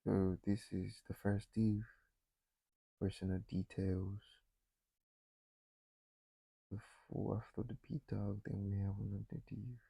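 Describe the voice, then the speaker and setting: A man talking himself through a coding tutorial, thinking aloud with frequent pauses and fillers. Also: on the low side, little pitch movement, vocal fry, mellow, breathy edge, no echo, rough recording. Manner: thinking aloud, many ums and restarts. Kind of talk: casual screen-recorded coding walkthrough.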